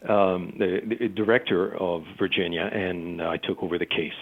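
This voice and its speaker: A man working as a UFO field investigator, recounting a case in an interview, halting with many fillers and restarts, and losing his voice. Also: sits low, steady tone. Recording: tinny phone-line call-in.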